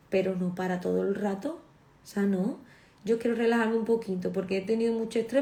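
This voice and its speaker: A woman therapist speaking conversationally about natural health, animated and acting out the voices of her patients. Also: mid-range voice, roomy sound. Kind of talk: casual conversational talk.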